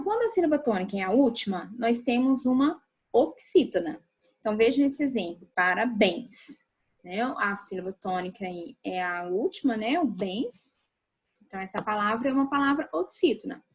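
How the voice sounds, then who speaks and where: A woman's voice: on the high side, husky. A woman teacher, explaining a recorded lesson patiently and often checking in with her students. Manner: patient and explanatory, with frequent tag questions.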